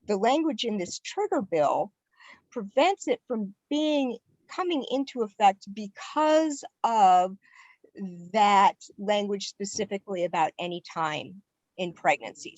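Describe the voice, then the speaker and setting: A woman's voice: lowish voice, a little mellow, dry recording, rough recording. A woman giving an earnest online webinar presentation for a civic league, stressing key words as she speaks over a video call.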